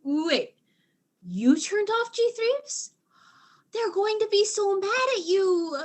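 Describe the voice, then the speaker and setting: Woman playing a female alien spy, high voice, swooping pitch, rambling, garbled words, audio drama. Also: sing-song, slow, heavily acted. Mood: flustered. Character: tipsy, flustered female alien diplomat and spy.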